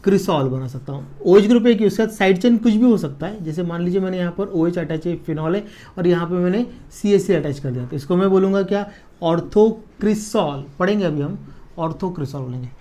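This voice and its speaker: A man teaching a chemistry lesson at a board, dictating notes slowly word by word and checking that students follow, with in the technical terms. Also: high voice, mellow. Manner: slow dictation, drawn-out words, frequent checks for understanding.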